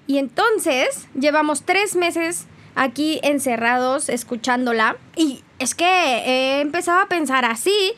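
A young woman with a Mexican accent hosts her podcast in an easy, loose monologue. She sounds loud and expressive, and she laughs often. Her voice sits high. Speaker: podcast host. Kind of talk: casual solo podcast monologue.

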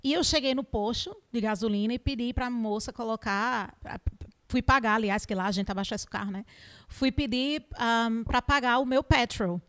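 A woman English teacher with a Northeastern Brazilian accent, giving animated interview answers full of examples and rhetorical questions. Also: on the high side, moderate pace. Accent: Northeastern Brazilian Portuguese.

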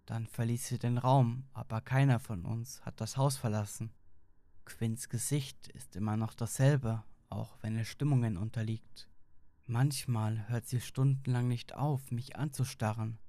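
A man reading a first-person creepypasta horror story in a steady, tense storytelling manner. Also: mid-range voice, unhurried, dry recording.

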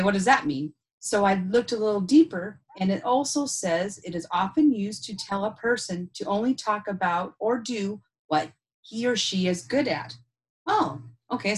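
A woman co-hosting a podcast, talking through ideas thoughtfully in casual chat with easy laughs. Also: medium pitch. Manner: thoughtful, unpacks ideas aloud with frequent "and so" restarts; laughs easily. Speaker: podcast co-host.

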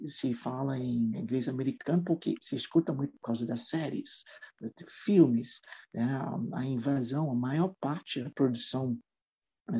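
A man's voice: mid-range voice, dark tone, breathy edge. A man who teaches English, talking at length in an interview conversation and explaining his ideas thoughtfully, with frequent tag questions.

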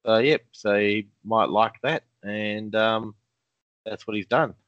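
A laid-back man co-hosts a joking fantasy football chat, full of ums and easy asides. His voice sits fairly low. The recording is dry and a bit muffled. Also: fairly even intonation, slow pace, fairly bright tone, dry recording. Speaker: podcast co-host. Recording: dull lo-fi sound.

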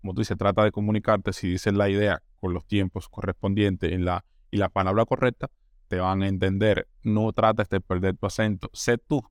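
A Colombian guest, a newcomer, chats at length in a laid-back interview, speaking low with little pitch movement at a moderate pace. He keeps restarting words and acting out what others said. The audio is studio quality with no room sound.

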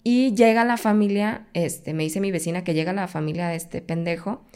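A Mexican woman speaking as a podcast guest, her voice sitting a little low. She tells a personal story in conversation and voices her past pleas as she speaks. The telling stays intense throughout. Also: moderate pace, warm tone, clear, resonant tone.

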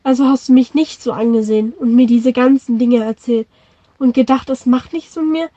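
A woman's voice: fairly high pitch, fairly even intonation, normal speed, dark tone, no echo, dull audio, natural voice. A woman reading the lines of a heated young man confronting a friend, in her own voice without changing it. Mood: angry pleading.

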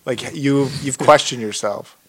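A comedian from Windsor, Canada, co-hosting a podcast in a loose, rambling way. His jokes wander, and he drops sentences halfway through. His pitch is ordinary for a man. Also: measured pace, fairly bright tone. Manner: joking, rambling, trails off mid-sentence. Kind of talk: casual chat.

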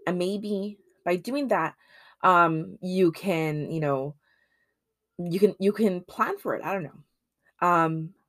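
A woman's voice: fairly low pitch, dry recording, studio quality. A woman hosting a solo podcast in casual chat, rambling with many ums and restarts. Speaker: podcast host.

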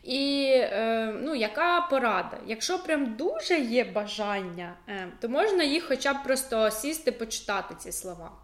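A young woman teacher talks through her lesson in a loose, chatty way, with plenty of fillers and side remarks. Her voice sits a little high, and the room gives it a noticeable echo. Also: animated, moderate pace, hardly any pauses. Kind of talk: casual explanatory lesson.

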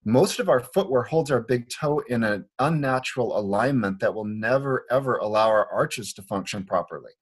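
A Liberian man who works as a foot doctor talks through his views in a conversational interview at a clinic in Portland, Oregon. His mid-range voice is husky and moves at a normal speed with hardly any pauses. He comes across as earnest and conversational, often restarting his sentences.

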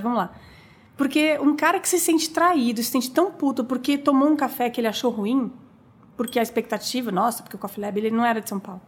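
A woman talking as an interview guest, telling stories in an animated, chatty way with lots of fillers and restarts. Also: fairly high pitch. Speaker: guest, coffee business owner. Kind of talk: conversational interview storytelling.

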